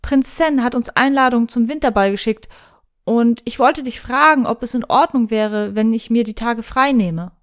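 A woman reading a storybook, voicing a bright, eager young female apothecary. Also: on the high side, moderate pace, close to an everyday voice. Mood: earnest.

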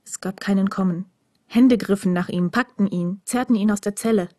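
A woman narrating a story in a hushed voice that often drops to a whisper. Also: medium pitch, normal speed, dry recording, clean studio sound. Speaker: audiobook narrator.

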